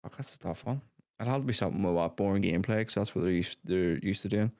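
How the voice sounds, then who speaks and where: A man's voice: sits low, fast, a little mellow, no room sound, clean studio sound. A man co-hosting a gaming podcast, laid-back and tired-sounding, mostly giving short replies. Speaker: podcast co-host. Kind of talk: casual gaming chat.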